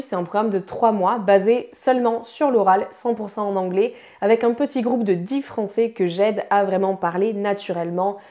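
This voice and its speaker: A woman's voice: mid-range voice, dark tone. Chatty young French woman teaching. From France. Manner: chatty, upbeat, frequent fillers, drills words slowly. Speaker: English pronunciation teacher. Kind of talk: casual online lesson.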